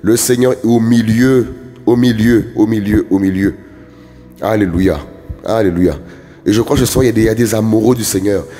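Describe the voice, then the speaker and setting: A man's voice: lowish voice, moderate pace. A man preaching in a fervent prophetic worship style, repeating phrases over and over like a chant. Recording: long hall reverb with soft music. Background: soft worship music.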